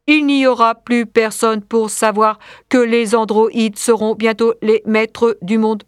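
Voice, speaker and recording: A woman reading the lines of an android disguised as a male teacher, in a flat, even manner. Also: a little high, unhurried, clean tone, dry recording, studio quality, natural voice. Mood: cold. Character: android teacher posing as human, cold and calculating.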